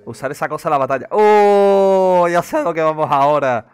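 A man giving excitable live commentary on his gameplay, swearing and shouting at the game. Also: a little high, very fast, clear, resonant tone. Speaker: gaming streamer.

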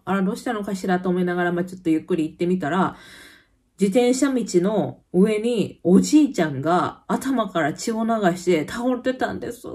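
Chatty Kansai woman in her thirties. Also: medium pitch. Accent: Kansai Japanese. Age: 30s. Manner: chatty storytelling with lively quoted voices. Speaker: vlogger. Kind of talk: casual chat. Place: home in Copenhagen.

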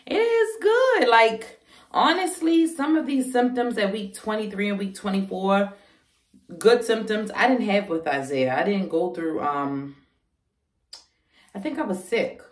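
A woman's voice: medium pitch, lively intonation, measured pace, distant mic. A pregnant woman giving a casual vlog update, chatty and short of breath, talking to viewers as y'all. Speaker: vlogger. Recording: roomy sound, voice away from the mic.

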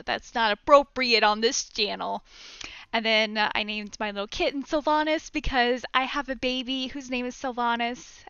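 A woman's voice: a little high, bright, forceful tone, smooth, dry recording, highs cut off. A young woman hosting a casual let's-play, chatting in a bubbly, self-deprecating way as she plays. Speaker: gaming channel host.

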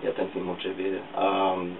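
Low-voiced young man, halting. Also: monotone. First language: English. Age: 20s to 30s. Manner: halting, searching for words, mixing in English. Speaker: musician guest. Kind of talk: casual interview. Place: small radio studio, indoors. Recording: dull distant lo-fi camera recording, clear noise.

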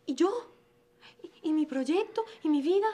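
A high-pitched, desperate young woman in a telenovela. She pleads and protests with rising urgency. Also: expressive, unhurried, dark tone. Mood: begging. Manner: pleading, exasperated. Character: young woman, desperate not to be left alone. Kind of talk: telenovela acting.

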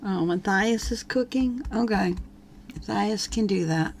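A woman's voice: mid-range voice, a little slow, darkish tone, slight background noise. A woman giving casual gameplay commentary as a let's play host, chatting and talking to her game characters as she plays.

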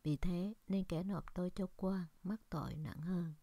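Calm male teacher before his judge, read by a woman; low, mellow, dry. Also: measured pace, no room sound. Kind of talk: Scripture reading.

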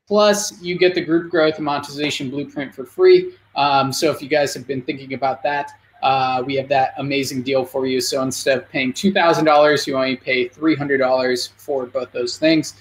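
A man hosting a podcast, pitching an event and asking questions in a salesy way with many "uh" fillers. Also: steady tone, moderate pace, few pauses, a little hiss or hum. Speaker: podcast host. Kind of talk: promotional pitch and interview questions. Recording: roomy echo.

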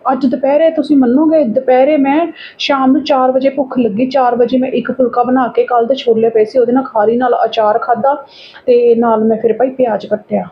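A woman's voice: sits high, muffled recording, a little hiss or hum. A woman vlogger with a Punjabi accent, chatting casually through her daily routine and often adding little tag questions. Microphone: phone camera.

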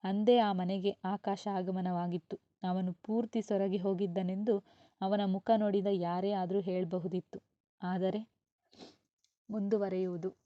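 A woman storyteller reading a serialized novel aloud in a calm, even, unhurried way. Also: medium pitch, dry recording. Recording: dull, slightly lo-fi dry sound.

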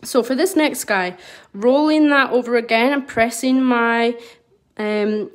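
A phone set over the work table captures a chatty nail artist from Scotland, mildly accented, teaching live at her indoor studio desk and reading out viewer comments while she works. She speaks in an unhurried way, her voice on the high side.

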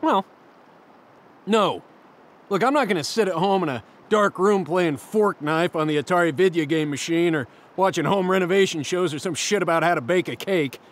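High-pitched sarcastic ranting man. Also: normal speed. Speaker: comedic outdoorsman host. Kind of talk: scripted comedic monologue.

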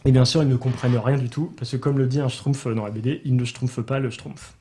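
A man's voice: medium pitch, fairly even intonation, fast talker, dark tone. A French man co-hosting a pop-culture podcast, explaining with many fillers and restarts. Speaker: podcast co-host. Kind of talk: casual chat.

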